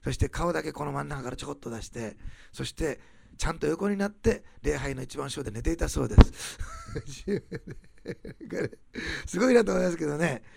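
A man preaching a sermon, rising loud on key phrases and dropping to soft, quiet asides. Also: on the high side, animated, quick pace, vocal fry, a little hiss or hum. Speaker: pastor.

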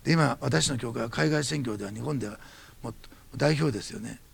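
A man preaching as a pastor, telling a testimony in quick, animated bursts. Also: medium pitch, gravelly, husky. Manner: fast-talking, animated storytelling. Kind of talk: sermon testimony.

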